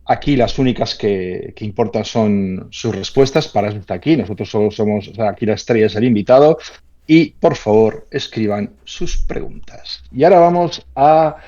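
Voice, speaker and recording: A man's voice: lowish voice, normal speed, mellow, muffled recording. A man hosting an interview in a casual, hesitant way, with many fillers and restarts. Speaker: host.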